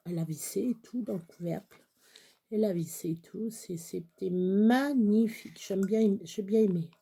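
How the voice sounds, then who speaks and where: A woman chatting casually through a crafting tutorial, rambling and halting with many fillers, sometimes dropping to a whisper. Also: mid-range voice, creaky, mellow, slightly rough. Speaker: craft vlogger.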